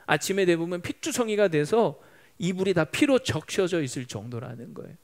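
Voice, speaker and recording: A man's voice: high voice, animated, brisk. A middle-aged male pastor preaching a Sunday sermon in a church, telling a story and acting out the prayers of the people in it. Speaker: senior pastor. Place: church sanctuary.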